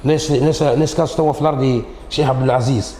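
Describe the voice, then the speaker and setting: At a brisk clip, a middle-aged man with a Mozambican accent speaks in a medium-pitched, steady, darkish voice. An Islamic teacher appearing as an interview guest, he recounts things conversationally, repeats himself, and often finishes with tag questions. The echoey studio leaves a roomy echo and faint background noise.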